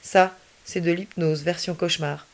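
A woman's voice: on the low side, fairly even intonation, moderate pace, lightly acted. A woman voicing Ami, a cheerful alien boy. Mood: carefree. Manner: playful, unruffled, laughing easily. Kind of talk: children's story reading.

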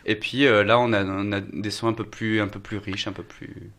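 A man's voice: on the low side, little pitch movement, moderate pace, fairly bright tone. A man co-hosting a music radio show, explaining things to listeners with fillers. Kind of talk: casual radio chat.

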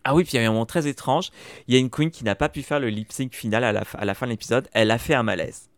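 A man's voice: mid-range voice, rapid-fire, clean tone, no room sound, clean studio sound. A man chatting casually as a podcast co-host, telling stories at length with lots of fillers and repeats. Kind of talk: casual chat recapping TV shows.

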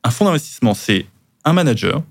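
A man's voice: mid-range voice, sing-song, brisk, gravelly, husky. A man who is a lawyer, guest on a podcast, explaining things at length with frequent restarts.

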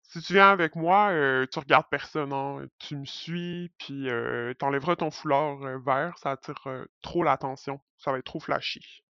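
Voice-changed woman smuggler, played by a performer, hesitant and full of fillers, mid-pitched, dull lo-fi sound. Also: moderate pace, pushed and bright, clean tone, dry recording. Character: secretive woman digital nomad van driver. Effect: voice changer disguising the voice.

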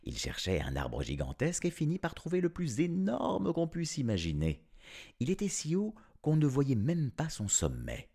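A man's voice: on the high side, huge pitch swings, moderate pace, warm tone. A man telling a fairy tale casually, with playful slangy asides and chuckles. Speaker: storyteller. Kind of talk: casual storytelling.

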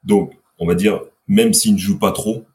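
Low voiced guy on a football podcast, lots of "on va dire". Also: steady tone, unhurried, a little mellow. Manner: explains with examples, hedging fillers. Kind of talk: casual podcast chat.

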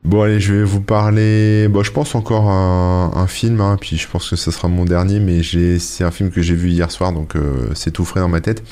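A man with a low voice casually tells a podcast co-host about a film he watched. He rambles and hesitates, peppering his talk with "euh" and "hein". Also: level tone, normal speed, hardly any pauses, warm tone. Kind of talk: casual chat, reviewing a film.

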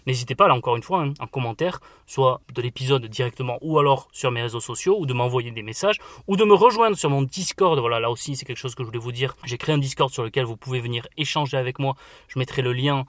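A man hosting a casual book podcast, chatty and enthusiastic, often filling pauses with "voilà". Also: mid-range voice, dry recording, clean studio sound. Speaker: podcast host.

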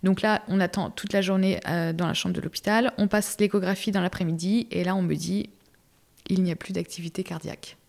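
A young woman giving a personal testimony as a podcast guest, talking casually with many fillers and restarts in a halting, emotional way. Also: lowish voice, fairly even intonation, vocal fry, darkish tone.

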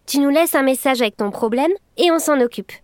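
An actress voicing a lively twelve-year-old schoolgirl who narrates a podcast in an audio drama, talking straight to the listener. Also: sits high, a little fast, dry recording, studio quality, lightly acted. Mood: chatty. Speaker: podcast host in a story.

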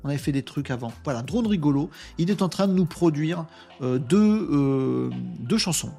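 Chatty man with a husky voice. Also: a little high, expressive, normal speed, dark tone, faint music behind. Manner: chatty, joking, thinks aloud with many fillers. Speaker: live show host. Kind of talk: casual live-stream chat.

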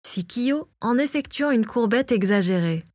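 A woman narrating a storybook chapter in a steady scripted reading. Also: on the high side, moderate pace, no echo, clean studio sound. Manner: reads all characters herself, lightly varying her voice. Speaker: audiobook narrator.

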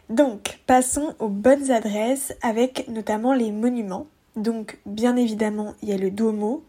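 A young woman with a soft, mellow tone and a slightly high voice. She talks in a relaxed, chatty way, full of little fillers and restarts, as she shares her travel tips. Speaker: travel podcaster. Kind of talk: casual travel recommendations.

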